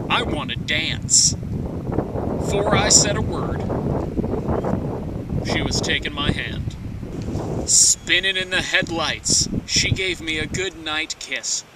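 A young man with a high voice performs lyrics as a hammy stage actor would. He takes them very slowly, stretching words and leaving theatrical pauses. He is recorded outdoors, distant from the camera mic with clear wind noise. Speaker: performer of comic dramatic readings. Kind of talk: dramatic reading of song lyrics. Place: outdoors at the edge of woods. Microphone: camera mic from a few metres away.

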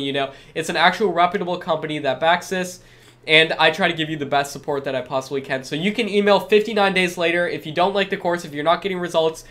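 Reading viewer questions aloud on a live stream, a young man with a stuffed-up cold answers in an upbeat, salesy manner full of repeated reassurances. His voice is high-pitched and a bit bright, and he's broadcasting from a small room with a lit backdrop.

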